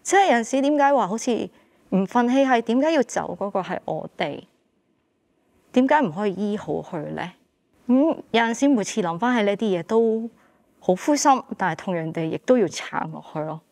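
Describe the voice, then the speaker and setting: A woman from Hong Kong speaking with a Hong Kong Cantonese accent, giving unhurried, heartfelt testimony as an activist guest on a studio stage. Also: mid-range voice, lively intonation, a little mellow, no room sound. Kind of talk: candid panel testimony.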